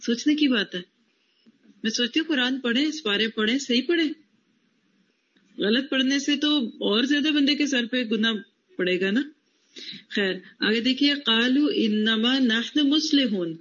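A woman's voice: sits high, long pauses, a bit bright, lo-fi sound. A woman teaching the words of a Quranic passage to a class, asking students for root letters and praising their answers. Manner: quizzes students on word roots and praises answers. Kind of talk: classroom word-by-word lesson.

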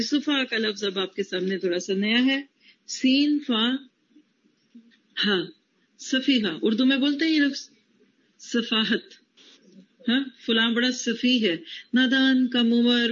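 A woman's voice: a little high, fairly bright tone. Casting note: female Quran teacher, explains, quizzes students on word roots, praises answers, dull lo-fi classroom recording.

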